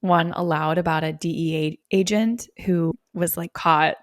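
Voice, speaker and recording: A woman's voice: on the low side, steady tone, unhurried, no room sound, clean studio sound. A young woman co-hosting a podcast, chatting casually, laughing often and filling her talk with "like". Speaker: podcast co-host. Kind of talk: casual chat.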